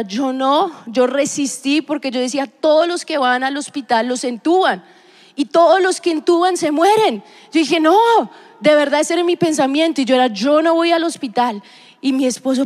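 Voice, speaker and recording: A woman in her thirties with a high voice gives a personal testimony to a church audience. She tells it in an expressive, storytelling way and acts out the words of the people in it. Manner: lively, expressive storytelling with acted-out quotes. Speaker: speaker at a church gathering.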